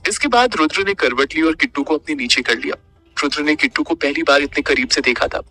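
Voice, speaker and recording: Bright-voiced man narrating an audiobook. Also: fairly high pitch, a little fast, faint music behind. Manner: expressive storytelling.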